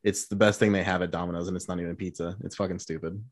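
A man's voice: sits low, level tone, racing, dry recording. A man in his twenties hosting a casual chat with friends, loose and profane, rambling with fillers. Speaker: podcast host.

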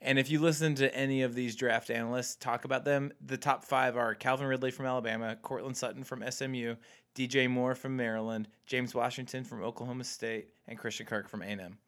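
A man's voice: mid-range voice, steady tone, a little fast, fairly bright tone. Man losing his voice, talking sports. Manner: analytical, laughs at himself. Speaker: podcast co-host. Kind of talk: casual sports chat.

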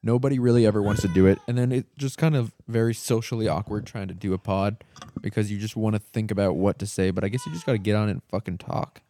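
A young man hosts a casual podcast from his living room couch, rambling and joking crudely. His voice is on the low side, warm and steady, and he talks fast. A little hiss or hum is present.

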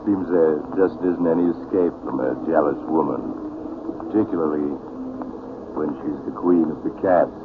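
An actor playing a sinister but genial teller of eerie tales in 1940s radio style, insinuating and deliberate. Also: male voice, a bass voice. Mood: sly, eerie. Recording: tinny, noisy old radio broadcast.

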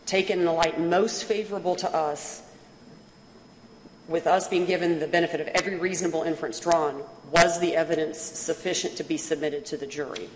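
A woman with a low voice argues as a lawyer in a formal, measured and deferential way. The room is very reverberant, with faint noise. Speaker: appellate lawyer. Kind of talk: formal oral argument. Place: courtroom. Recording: very echoey hall, faint noise.

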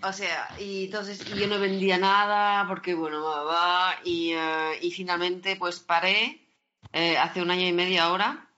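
A woman chatting casually as an interview guest, a non-native speaker who often pauses and searches for words. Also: lowish voice, flat delivery, bright, forceful tone, dull audio. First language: not Spanish. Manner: hesitant, searching for words in Spanish. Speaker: podcast guest.

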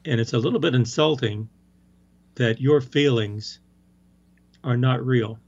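A man of ordinary pitch talking casually about a film, firm and emphatic. He keeps repeating his main point. The recording is dull and lo-fi. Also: unhurried, darkish tone. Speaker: co-host discussing a film. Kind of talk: casual chat.

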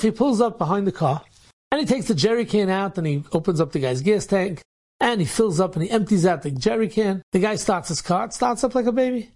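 A man, a rabbi, telling an inspirational story and acting out the dialogue with energy. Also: sits high. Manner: animated, acts out dialogue in quotes.

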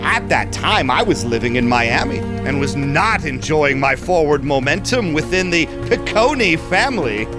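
In an audio drama with background music, an actor voices a sly, self-assured vampire businessman who schemes and narrates his own story in the first person. His fairly high voice is sing-song and a little slow with few pauses, and the mood is sly and confiding.

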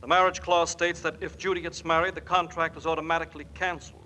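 A man playing a brisk, formal, businesslike company lawyer in an old-time comedy. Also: fairly high pitch, flat delivery, bright, forceful tone. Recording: noisy old soundtrack.

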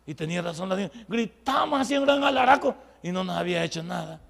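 A man preaching with a high, gravelly and husky voice. He mixes homely stories into his sermon and punches key points loudly. The sound carries a long hall reverb from the church. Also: expressive, quick pace. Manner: folksy, emphatic preaching with sudden loud outbursts. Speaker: pastor.

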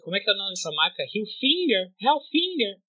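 A woman's voice: mid-range voice, big pitch swings, brisk, dry recording, phone-quality sound. A woman co-hosting a casual podcast who talks bluntly, mocks freely and swears. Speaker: podcast co-host.

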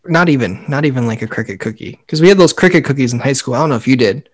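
A man's voice: mid-range voice, animated, fast talker. A young man co-hosting a podcast, rambling casually with lots of filler words. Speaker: podcast co-host. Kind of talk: casual chat.

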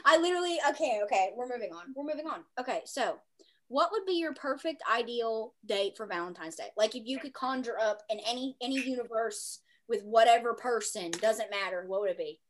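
A woman's voice: on the high side, expressive, brisk. A woman with a Southern US accent hosting a casual chat, talking emphatically and freely. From American South. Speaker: host.

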